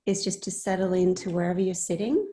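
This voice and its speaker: Leading a guided meditation, a woman speaks in a fairly low, steady voice that is soft, gentle, and soothing, with occasional breathiness. Long pauses separate her phrases.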